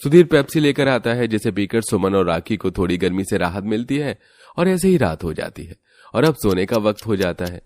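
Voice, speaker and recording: A man narrating an animated family story in a steady, scripted storytelling delivery. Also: on the low side, a little fast.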